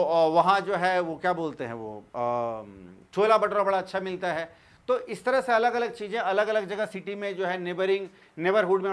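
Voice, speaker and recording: A man teaching a commerce lesson, reading English lines slowly and then explaining them in Hindi with fillers. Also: sits high, clean tone.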